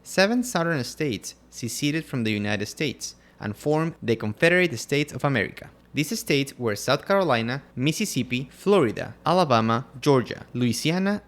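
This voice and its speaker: A man's voice: mid-range voice, lively intonation, moderate pace, hardly any pauses, fairly bright tone. Man from Ecuador co-hosting a podcast. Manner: reads prepared lines evenly, trading turns with co-host. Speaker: podcast co-host. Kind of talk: scripted history podcast.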